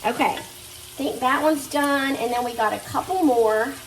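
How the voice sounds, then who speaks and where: A high-voiced cooking vlogger talks at a moderate pace, slightly nasal from a fever she's recovering from. She keeps up casual chatter with her "guys" at the stove while meat sizzles in a skillet. Background noise, an echoey kitchen, and a mic a bit far away shape the audio.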